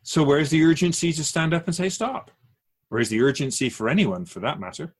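In a radio drama, a man voices an otherworldly, patient keeper of souls, posing measured, probing questions. His voice is husky and on the high side.

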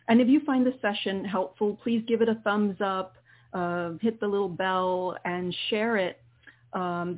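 A woman guiding a meditation session as a healer, speaking in soothing, deliberate phrases with pauses. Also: medium pitch. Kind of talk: guided meditation, partly improvised spoken instruction. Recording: muffled, phone-like narrow sound.

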